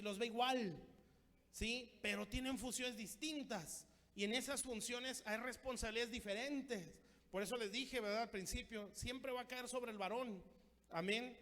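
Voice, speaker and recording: A man preaching a sermon at a church marriage workshop, constantly asking the congregation for agreement and switching between quick bursts and slow, emphatic lines. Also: high voice, a bit bright. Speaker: pastor. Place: church hall. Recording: long hall reverb.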